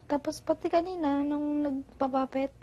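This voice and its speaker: A woman's voice: high voice, fairly even intonation, moderate pace, warm tone, lo-fi sound. A young woman vlogger in casual gossip chat, giggling and retelling stories with animation.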